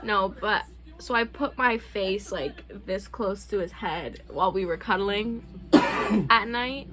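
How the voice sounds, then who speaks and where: A woman's voice: medium pitch, slow, over a noisy crowd, rough recording. A young adult woman hosting a casual couple's Q&A vlog, chatting candidly with loose, profane phrasing. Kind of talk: casual chat.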